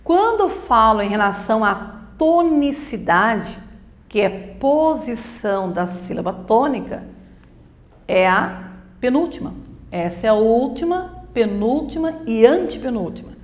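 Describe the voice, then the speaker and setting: Woman, teacher, step-by-step grammar lesson, rather high voice, echoey room. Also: big pitch swings, measured pace. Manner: explains step by step, asks and answers her own questions. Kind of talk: grammar lesson for exam prep.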